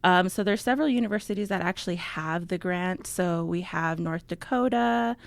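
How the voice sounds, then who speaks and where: A woman's voice: lowish voice, normal speed, gravelly, no room sound. A young adult woman from Navajo, New Mexico, a guest in a radio studio, talking casually and fillings her sentences with ums. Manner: chatty, many ums, laughs easily. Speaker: guest, outreach coordinator. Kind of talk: casual interview talk.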